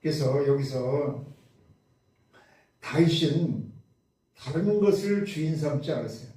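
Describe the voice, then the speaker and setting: A man's voice: a little high, expressive, takes it slowly, dark tone. A man preaching a sermon as pastor. He is emphatic and often asks questions that he answers himself. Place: church sanctuary. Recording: very echoey hall, voice from a distance.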